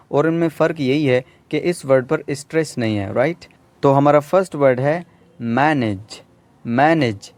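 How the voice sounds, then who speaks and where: Man teaching pronunciation, mid-pitched. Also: a little mellow. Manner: mixes Hindi-Urdu with English, slow and deliberate on example sentences. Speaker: English teacher. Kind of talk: pronunciation lesson.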